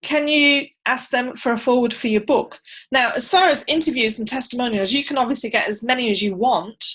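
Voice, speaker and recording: A woman's voice: fairly high pitch, fairly quick, fairly bright tone, husky, poor audio. Chatty woman coaching on a webinar. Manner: chatty, laughs often, many fillers. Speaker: book launch coach. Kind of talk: online webinar teaching.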